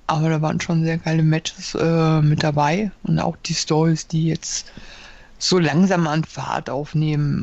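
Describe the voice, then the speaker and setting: A woman talks slowly and haltingly, stopping for fillers and restarts as she chats casually on a podcast. The sound is dull and lo-fi, with a dry, close feel and no room around her. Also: sits low, gravelly, a little mellow, no room sound. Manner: hesitant, many fillers and restarts. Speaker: podcast co-host. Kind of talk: casual wrestling chat.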